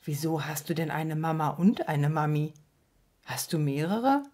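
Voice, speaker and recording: A woman's voice: low-pitched, animated, measured pace, darkish tone. A woman reading aloud, voicing a doubtful, stubborn young girl in a storybook. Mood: curious. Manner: skeptical, insistent.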